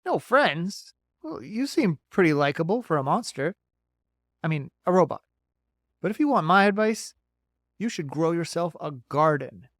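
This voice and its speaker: A man's voice: on the high side, very animated, normal speed, no room sound, studio quality, voice pushed up. A man voicing a friendly, talkative male beaver who eagerly gives folksy advice in an audiobook. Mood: chatty. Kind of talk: audiobook character voice.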